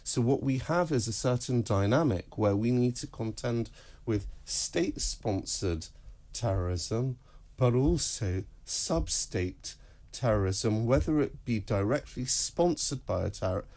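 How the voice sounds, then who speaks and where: A man speaking as a guest analyst in an interview, in a measured, deliberate, lecturing way. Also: mid-range voice, expressive, warm tone. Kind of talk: broadcast interview.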